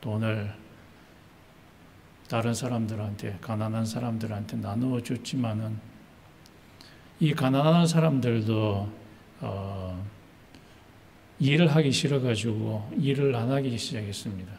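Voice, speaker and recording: A male pastor preaching a sermon slowly and deliberately, pausing often with "uh" fillers. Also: lowish voice, a little mellow. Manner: slow, deliberate preaching with many pauses and "uh" fillers. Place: church sanctuary. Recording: church hall reverb, faint noise.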